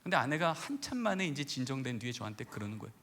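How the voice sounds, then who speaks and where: A middle-aged man preaching a sermon, telling a hushed personal story that builds into fervent exhortation. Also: medium pitch, big pitch swings, rapid-fire. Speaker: guest preacher, professor. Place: large church sanctuary. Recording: church hall reverb.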